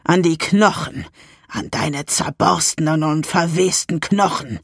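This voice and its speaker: A woman's voice: low-pitched, measured pace, husky, no room sound, studio quality, full character voice. A woman voicing a sinister, tormented spirit that hisses and chants its words over and over, in an audiobook reading. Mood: hissing menace. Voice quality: hissing. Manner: chanting, repetitive. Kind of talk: audiobook narration.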